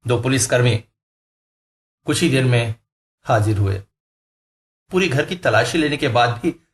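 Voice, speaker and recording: A man narrating a horror story in a slow, suspenseful storytelling manner. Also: medium pitch, creaky. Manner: slow, suspenseful, rising in tense moments. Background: faint music.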